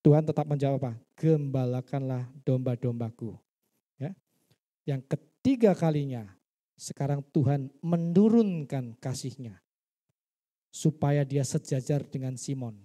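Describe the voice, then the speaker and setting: A man's voice: a little high, a little slow, dark tone. A male pastor preaching a sermon in church. He teaches by asking his listeners questions and acting out the quoted dialogue.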